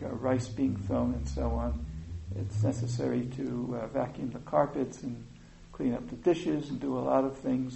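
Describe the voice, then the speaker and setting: A man giving an informal meditation talk, speaking slowly and thoughtfully with many pauses and fillers. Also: mid-range voice, creaky, warm tone, a little hiss or hum, poor audio. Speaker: meditation teacher.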